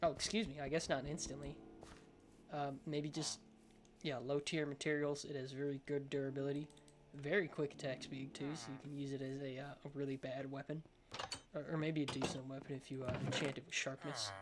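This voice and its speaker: A man's voice: medium pitch, little pitch movement, a little fast, slight background noise. A man with a lisp giving casual, rambling game showcase commentary, often hesitant and unsure of himself. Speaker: gaming video host.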